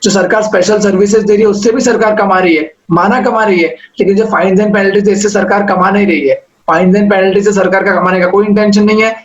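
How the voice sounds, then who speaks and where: Man, high voice, teacher lecturing, asks and answers his own questions, dull lo-fi sound. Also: fairly even intonation, fairly quick, hardly any pauses. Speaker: commerce teacher. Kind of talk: classroom lecture.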